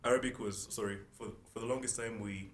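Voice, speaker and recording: A young man from South Sudan with a lowish voice talks easily about his music, wandering through his thoughts with plenty of "like" and "you know". The room is echoey, with a faint hiss under the voice. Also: a little fast. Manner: relaxed, rambling, often restarts with "like" and "you know". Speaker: musician guest. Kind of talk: casual interview talk.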